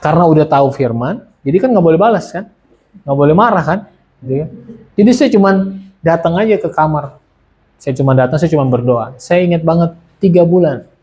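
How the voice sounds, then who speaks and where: A man's voice: a little high, animated, brisk, mellow, slightly rough. A man giving a casual sermon and personal testimony, often asking and answering his own questions. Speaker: preacher sharing testimony.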